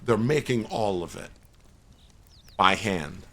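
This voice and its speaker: Low-voiced man telling a rowdy story. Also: takes it slowly, vocal fry, slight background noise. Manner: profane, animated storytelling with quoted voices. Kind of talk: casual storytelling on a gaming stream.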